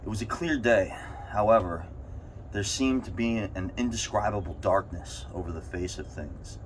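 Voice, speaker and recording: Very low-voiced man reading aloud in the cold. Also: normal speed. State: cold, sitting in an ice bath. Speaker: reader. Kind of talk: reading a short story aloud. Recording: steady background noise.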